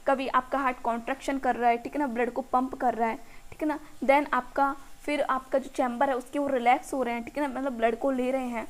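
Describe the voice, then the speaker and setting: A young woman with a high voice gives a biology lesson. She checks in with her students after almost every phrase, poses questions and answers them herself. Textbook lines are read out slowly before she explains them. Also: fairly even intonation. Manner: repeats "ठीक है ना" often, asks and answers her own questions. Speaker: biology teacher. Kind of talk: classroom lecture explaining in Hindi.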